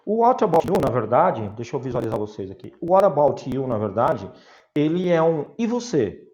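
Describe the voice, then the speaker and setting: A man's voice: medium pitch, big pitch swings, moderate pace, a little mellow, muffled recording. A man with a Brazilian Portuguese accent teaching an English class over a video call, explaining patiently with examples.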